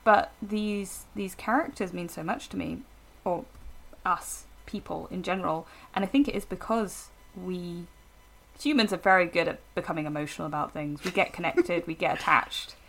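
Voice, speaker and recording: A woman co-hosting a podcast in casual, animated chat, rambling with restarts. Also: on the low side, normal speed, creaky. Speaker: podcast co-host.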